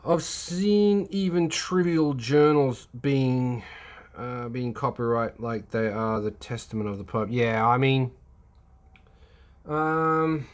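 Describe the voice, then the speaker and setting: A man hosting a livestream chats casually with his audience, reading out chat comments and answering them. His medium-pitched voice takes things slowly, and he rambles and restarts often, filling gaps with "um" as he sorts out his thoughts.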